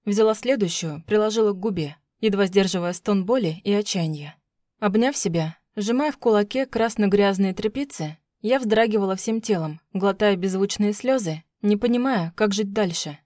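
A woman's voice: mid-range voice, moderate pace, a little mellow, no room sound, studio quality. A woman reading a first-person audiobook in a tense, dramatic way. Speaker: audiobook narrator.

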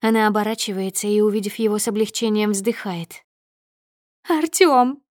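A woman reading a first-person story aloud in a measured, dramatic storytelling manner. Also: mid-range voice, flat delivery, a little mellow, no room sound, studio quality. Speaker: audiobook narrator. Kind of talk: first-person audiobook narration.

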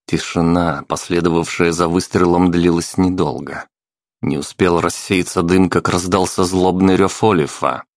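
Deep gravelly male audiobook narrator. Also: fairly even intonation, moderate pace, no room sound, clean studio sound. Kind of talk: scripted first-person narration.

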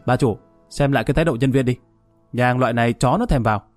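A man voicing a rowdy young customer who insults the staff brashly and fast. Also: mid-range voice, no room sound, faint music behind, natural voice. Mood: indignant.

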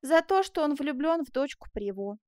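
A woman's voice: sits high, sing-song, moderate pace, darkish tone, no echo, clean studio sound, voice pushed up. A woman voicing a coquettish young seamstress who teases her lover, in a storybook reading. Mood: teasing. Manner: coquettish, teasing.

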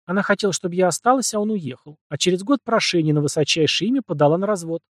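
A man voicing an excitable young noblewoman who talks eagerly. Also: high-pitched, fast talker, no room sound, clean studio sound, pitched above the performer's own voice. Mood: plain.

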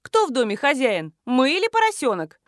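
A woman's voice: high-pitched, very animated, moderate pace, no room sound, clean studio sound. Bossy impatient woman blogger, read by a woman. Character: bossy brisk female millionaire blogger.

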